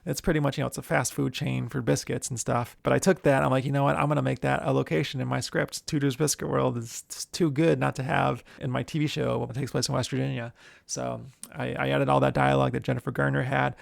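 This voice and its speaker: A man who hosts a screenwriting show, giving writing tips in a relaxed, chatty way. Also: medium pitch, fairly quick, creaky, dry recording. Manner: relaxed, chatty, many fillers. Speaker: screenwriter and podcast host. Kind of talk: casual instructional talk.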